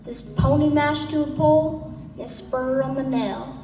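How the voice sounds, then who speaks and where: A woman recites cowboy poetry in a high voice, taking her time over each folksy line of ranch storytelling. The room rings around her, and she sounds some way from the microphone. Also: fairly even intonation, unhurried, dark tone. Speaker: cowboy poetry performer and singer. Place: live gathering stage, roomy space. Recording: roomy live performance, distant mic, music.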